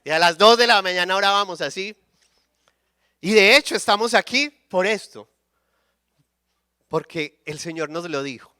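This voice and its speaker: A male preacher giving a sermon full of personal testimony, speaking in a high, bright voice. His tone is smooth and crisp, and the sound is dry and close with no room echo. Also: lively intonation, normal speed, long pauses. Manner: storytelling, acts out dialogue, checks in with "¿sí?". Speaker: conference speaker.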